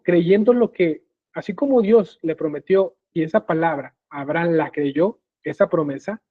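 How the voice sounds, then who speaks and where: A man with a high voice teaches a Bible class over a video call, explaining step by step and checking that listeners are following. The sound is thin and phone-like, and it is dry, with no room echo. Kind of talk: live online Bible class. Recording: tinny phone-like call audio.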